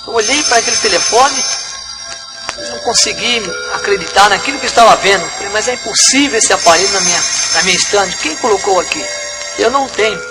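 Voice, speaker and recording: A man's voice: high voice, expressive, fast talker, low-quality recording. A man, a pastor giving a religious testimony in a repetitive, dramatic way. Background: music.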